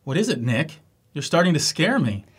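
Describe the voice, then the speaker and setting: Concerned, loyal husband and friend played by a man, lighter pitch, very animated, clear scripted delivery. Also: moderate pace. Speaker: actor in an English lesson dialogue. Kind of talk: scripted dialogue acting.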